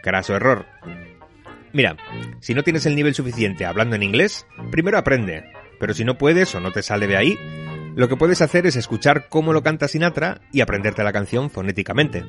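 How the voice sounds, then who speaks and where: A man's voice: medium pitch, expressive, fairly quick, a bit bright. A man giving wry, conversational advice as a contributor to a radio music segment.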